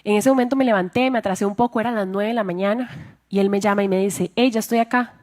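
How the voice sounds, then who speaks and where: A woman's voice: medium pitch, steady tone, quick pace, darkish tone. A young woman with a Costa Rican accent giving a church talk to women, sharing a personal testimony and asking her listeners questions. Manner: confiding, asks the audience questions. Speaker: speaker at a women's church event.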